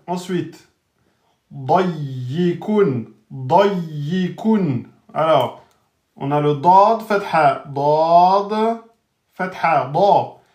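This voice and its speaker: A man teaching Arabic letters in a live online lesson, spelling out each letter and vowel and repeating every word slowly. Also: on the high side, lively intonation, darkish tone, echoey room. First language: French speaker teaching Arabic.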